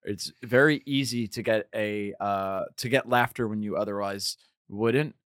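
A man in his thirties hosting a podcast, chatting in a relaxed way, laughing easily and drifting into rambling asides. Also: on the low side, measured pace, dry recording, studio quality. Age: 30s. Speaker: podcast host. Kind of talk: casual podcast chat.

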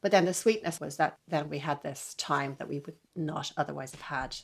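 Earnest woman, soft and wondering. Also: sits low, brisk, vocal fry, slightly rough. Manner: earnest, wondering, trails into soft near-whispers. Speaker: guest, violinist. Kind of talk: reflective interview talk.

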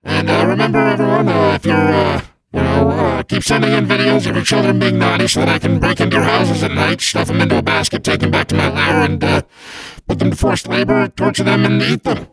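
A man voicing a gleeful, boastful male Christmas demon who hosts a comedy show, talking in a growling, mocking rasp with many cackles. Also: lowish voice, big pitch swings, fairly quick, over a noisy crowd, heavily acted, rough recording. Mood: gleeful menace. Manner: mocking, cackling, rambling menace. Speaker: show host.

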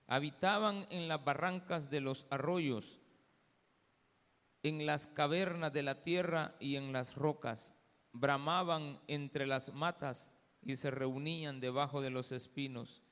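A pastor with a Salvadoran Spanish accent, reading scripture aloud, praying and preaching in slow, deliberate phrases with pauses. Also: male voice, a little high, a bit bright, long reverb tail. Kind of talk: sermon with scripture reading and prayer. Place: church sanctuary.

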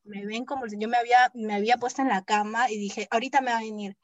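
A young adult woman telling a personal story as an interview guest, acting out the quoted dialogue in a lively way. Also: on the high side, fast, no room sound, muffled recording.

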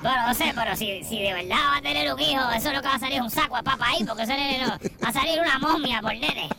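A woman's voice: high-pitched, fast talker, creaky. A woman with a Puerto Rican accent hosting a radio show, teasing and gossiping in casual comedic chat. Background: music playing.

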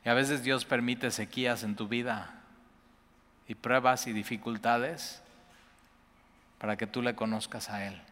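A man preaching as pastor, his voice bright and forceful. He drops to a hushed prayerful hush for scripture, then rises into loud, excited exclamations. A long reverb hangs behind him in the church hall. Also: mid-range voice, measured pace, pauses often. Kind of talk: sermon.

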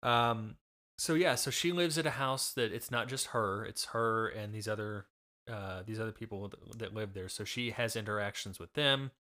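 A man in his thirties or forties co-hosts a relaxed book podcast. He talks in a patient, explaining way, often pausing with fillers and restarting his sentences. He gently steers the conversation back to the topic. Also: fairly low pitch. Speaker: podcast co-host, father. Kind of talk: casual book discussion.

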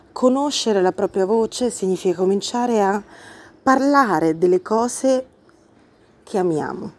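A woman's voice: mid-range voice, mellow, a little hiss or hum. A woman hosting a podcast, explaining a book in an earnest, reflective way and thinking aloud as she talks. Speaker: podcast host. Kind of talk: explanatory monologue about a book.

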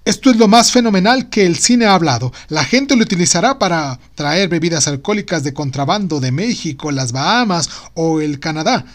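A man's voice: on the high side, animated, brisk, hardly any pauses, lightly acted. A man voicing a sceptical, sardonic patent office director in an audio storybook, wordy, mocking and officious. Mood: astonished, sceptical.

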